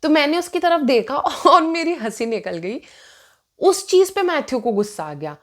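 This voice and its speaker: A young woman in her twenties, sitting down to tell a personal story in a loose, chatty way. Her voice sits a little high, and she jumps between Hindi and English mid-sentence, sounding lively and indignant as she goes. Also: moderate pace. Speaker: vlogger telling a personal story. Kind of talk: casual storytime narration.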